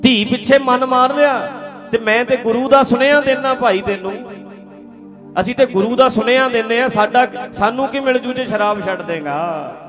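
A man's voice: extremely high pitch, moderate pace, music in the background. A man preaching a conversational Sikh sermon, earnestly putting rhetorical questions to his listeners and speaking to them directly.

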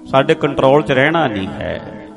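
A man giving a slow, explanatory religious sermon, now and then chanting rhythmically. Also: medium pitch, very animated. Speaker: Sikh preacher. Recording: music clearly behind the voice. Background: instrumental music.

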